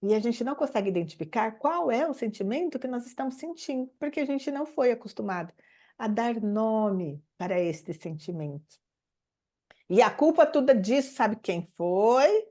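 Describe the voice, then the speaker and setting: A woman's voice: on the high side, animated, moderate pace, warm tone. A woman with a Brazilian Portuguese accent, a teacher and mentor, giving an informal talk and asking her listeners many rhetorical questions. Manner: laughs as she speaks. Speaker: teacher and systemic pedagogy mentor.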